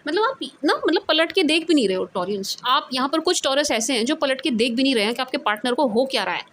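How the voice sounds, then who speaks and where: A woman's voice: high-pitched, expressive, fast, a bit bright. A woman giving a casual tarot reading to camera, switching between Hindi and English. She repeats her points for emphasis and often breaks into laughter. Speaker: tarot reader. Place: away from her usual recording spot.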